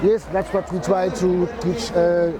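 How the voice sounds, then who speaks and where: A man's voice: high voice, flat delivery, measured pace. A man from Belgium, a designer for a support group, speaking in a hesitant, plain way with many fillers in a short interview at an outdoor festival. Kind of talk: short interview at an event stand. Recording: loud music and crowd outdoors.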